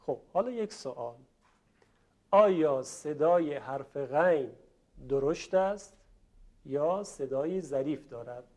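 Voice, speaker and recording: Polite man teaching recitation, slightly high. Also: lively intonation, a little mellow. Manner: slow, drawn-out model pronunciations; polite, questions the class. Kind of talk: classroom lesson on letter pronunciation.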